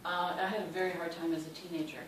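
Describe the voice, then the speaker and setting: A woman with a Chicago accent shares warm personal anecdotes on a panel, with lots of ums and uhs. Her voice is on the low side, quick and fairly flat in pitch, recorded in a large, echoey hall with a distant mic and noise.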